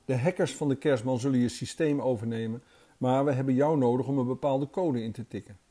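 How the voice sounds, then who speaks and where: A man's voice: mid-range voice, a little fast, warm tone, lightly acted. A man voicing a talking male deer in a storybook, who speaks earnestly and urgently as a messenger.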